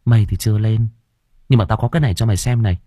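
A man's voice: on the low side, racing, no room sound, clean studio sound, lightly acted. A man reading the lines of a brash, blunt young woman in an audiobook. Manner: loud, blunt, crude talk.

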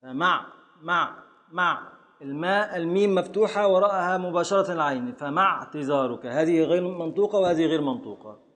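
A man's voice: fairly high pitch, expressive, fast talker, hardly any pauses, fairly bright tone, long reverb tail. A man teaching a class in Egyptian Arabic, patiently repeating and scanning words aloud and calling on his students. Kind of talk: classroom lesson on Arabic prosody and grammar.

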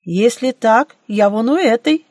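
A woman's voice: a little high, sing-song, normal speed, a little mellow, no echo, clean studio sound, voice pushed up. A woman voicing a skeletal female Death with a scythe in an audiobook, pushy and familiar. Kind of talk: audiobook reading.

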